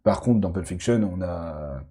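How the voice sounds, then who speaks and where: A man chats loosely as he ranks films, with a very dark, mellow tone sitting a little low. He rambles, stumbles over his words, repeats himself and corrects himself as he goes. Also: expressive, unhurried. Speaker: film YouTuber ranking movies. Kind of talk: casual chat.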